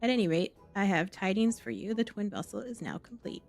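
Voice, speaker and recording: A woman voicing a calm, formal young woman leader, reading game dialogue in a measured way. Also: medium pitch, vocal fry, faint music behind, close to an everyday voice.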